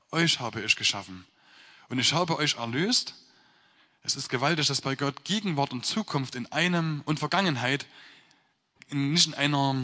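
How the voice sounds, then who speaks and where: Bright-voiced man preaching in a reverberant hall. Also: mid-range voice. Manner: reads scripture slowly, then explains with emphatic stresses. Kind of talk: scripture reading with sermon commentary.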